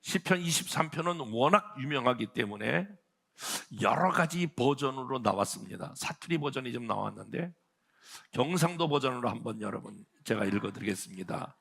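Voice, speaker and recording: A pastor giving a sermon, reading scripture in a measured way. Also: male voice, medium pitch, animated, vocal fry, fairly bright tone, slightly rough. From Seoul. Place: church sanctuary.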